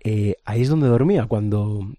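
A male journalist asking measured interview questions and rephrasing them as he goes. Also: on the low side, mellow, no echo.

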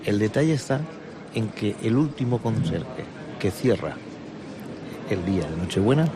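Live on the radio, this Spanish-accented man from Spain speaks for his club in formal language, hesitating now and then. His lowish voice is very animated and moves at a moderate pace while a crowd can be heard. Around him is a loud outdoor urban scene full of vehicles and street noise.

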